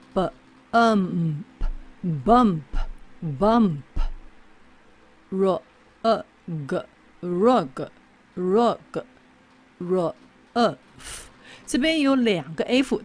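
A woman leading pronunciation drills, sounding out words slowly and repeating each one. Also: medium pitch, a little mellow. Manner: slow, drawn-out word-by-word drilling.

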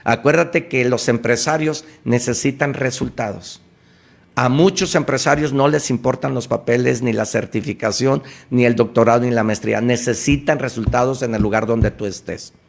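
A motivational speaker delivers a talk, hammering his points home with emphatic, repeated exhortations. His mid-range voice is gravelly and moves at a normal speed.

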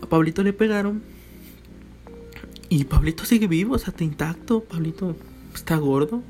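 A man's voice: a little high, normal speed, a little mellow, faint music behind. A young man with a Mexican Spanish accent, talking casually in a joking monologue with quoted voices. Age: young adult.

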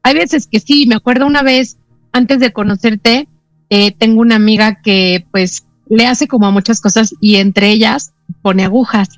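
A woman with a Mexican Spanish accent hosting a radio talk show, telling anecdotes in a lively way with quick asides. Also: on the high side, dry recording, soft background music. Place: radio studio.

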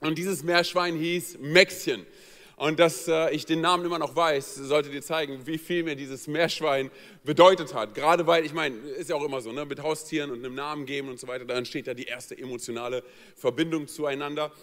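In a church hall with long reverb, a pastor whose voice is a little high and fairly quick shares a humorous personal story in his sermon. He jokes and stays lively, performing the quoted voices of the people involved.

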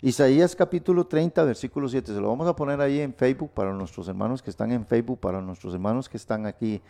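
Male radio Bible teacher, mellow gravelly tone, emphatic and repetitive. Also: medium pitch, fast. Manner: emphatic, repeats words for stress. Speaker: radio program host. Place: radio studio.

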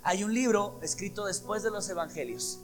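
Emphatic preacher, high voice. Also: male voice, normal speed. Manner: emphatic, acts out dialogues, swings between loud and hushed. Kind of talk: sermon. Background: soft guitar music.

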